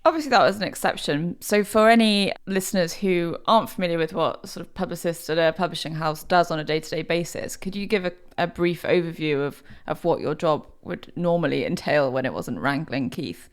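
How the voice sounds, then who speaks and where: Deep smooth-voiced female podcast host. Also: fairly quick, hardly any pauses. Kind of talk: interview questions.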